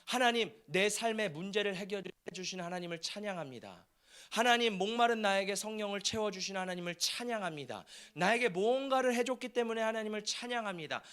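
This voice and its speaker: Fervent high-voiced male pastor. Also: a little fast, smooth. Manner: fervent preaching with frequent shouts. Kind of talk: sermon. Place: church sanctuary.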